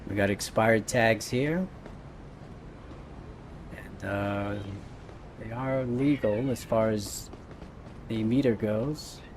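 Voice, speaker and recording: A man's voice: lowish voice, takes it slowly, long pauses, slight background noise. A man giving casual let's-play commentary as the host of a gaming video, with game ambience behind him.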